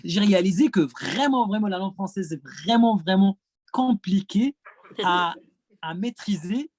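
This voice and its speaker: Hesitant and repeating words often, a Gazan French teacher whose native language is Arabic answers questions at a conference in French with an Arabic accent. He sounds animated, at a moderate pace, his voice sitting high with a darkish tone.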